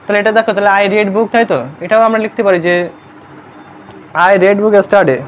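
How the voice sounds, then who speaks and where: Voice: medium pitch, steady tone, normal speed. A grammar teacher giving a live classroom lesson, constantly quizzing pupils, checking they understand and spelling words out letter by letter. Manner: sternly scolds noisy pupils.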